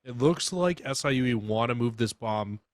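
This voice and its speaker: A man's voice: medium pitch, expressive, moderate pace, no room sound, clean studio sound. Emphatic male esports caster, mid-range voice. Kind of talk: live esports commentary and analysis.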